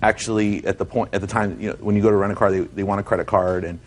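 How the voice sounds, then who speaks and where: On a TV small-claims court show, a male defendant rambles very fast in a lowish, fairly even voice, repeating himself as he defends his case in the courtroom studio.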